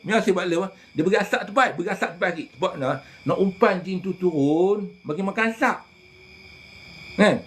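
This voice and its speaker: A man, a religious healer telling animated stories in casual chat, often addressing listeners directly. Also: high-pitched.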